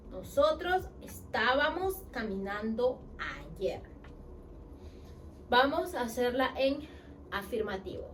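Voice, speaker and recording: A woman with a high voice teaches a language lesson at an unhurried pace. She spells out patterns and slowly repeats each English example sentence. She often asks the learner a question and then answers it herself. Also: a little hiss or hum, rough recording.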